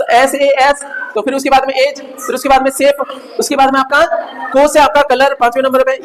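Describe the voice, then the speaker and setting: A man's voice: very high-pitched, a bit bright, in a large hall, rough recording. A male teacher giving a chatty grammar lesson, quizzing and joking with his students in a classroom.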